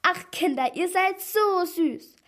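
A woman's voice: very high voice, takes it slowly, a bit bright, pitched above the performer's own voice, full character voice. A woman voicing a friendly, gossipy older woman in a storybook reading, sweet and chatty.

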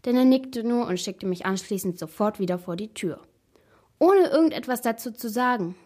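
A woman narrating a first-person storybook in a steady, tense manner. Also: fairly high pitch, moderate pace.

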